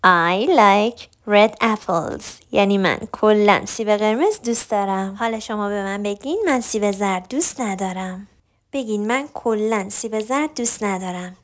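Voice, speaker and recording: A woman teaching an online language lesson, quizzing her viewers, praising their answers and repeating each example slowly and clearly. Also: medium pitch. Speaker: English teacher.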